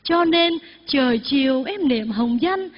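A woman's voice: high-pitched, lively intonation, unhurried. An older woman, a Buddhist nun giving a Dharma talk and leading her congregation in recitation. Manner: leads the congregation in call-and-response recitation. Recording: echoey hall, dull lo-fi sound, faint music.

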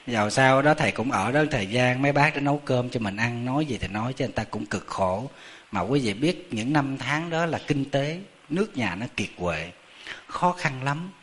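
Middle-aged Southern Vietnamese monk, bright voice, lively anecdotal sermon style. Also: male voice, medium pitch, normal speed. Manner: animated, chatty, addresses the audience often. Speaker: Buddhist monk. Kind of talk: storytelling sermon.

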